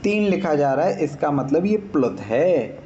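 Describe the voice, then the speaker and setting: A man's voice: a little high, sing-song, unhurried, dark tone, dull audio, a little hiss or hum. A man teaching Sanskrit grammar in an online class, patiently explaining and checking that students follow. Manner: patient, checks understanding, demonstrates sounds aloud.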